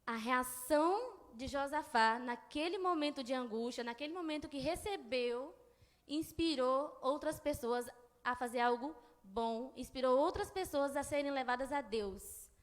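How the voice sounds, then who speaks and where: High-voiced woman preaching in a hall. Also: measured pace. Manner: conversational, questions to the congregation. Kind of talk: sermon. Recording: long hall reverb.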